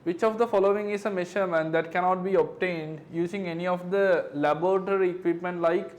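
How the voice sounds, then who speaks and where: A physics tutor with a high, light voice goes over exam questions out loud. He works through each figure step by step. He keeps checking that his class follows with quick tag questions. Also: fairly even intonation. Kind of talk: exam question review lesson.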